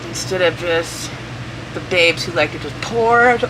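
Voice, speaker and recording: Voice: mid-range voice, measured pace. An informal tarot reader who rambles and thinks aloud, swearing casually, with a fan running in the room. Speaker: tarot reader, channel host. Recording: steady fan noise throughout.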